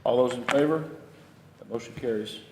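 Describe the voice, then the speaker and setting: A man's voice: mid-range voice, moderate pace. Man chairing a meeting, echoey hall. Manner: procedural, formulaic. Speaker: county judge chairing a meeting. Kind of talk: formal meeting procedure, reading agenda items. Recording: echoey hall, long reverb, faint noise.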